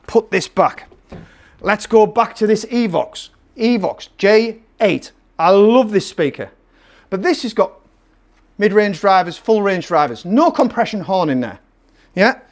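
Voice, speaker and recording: A man who presents and sells PA gear gives a casual product review to camera at a measured pace. His voice is high-pitched and very animated, and he's emphatic and salesman-like, repeating phrases to hammer his point home.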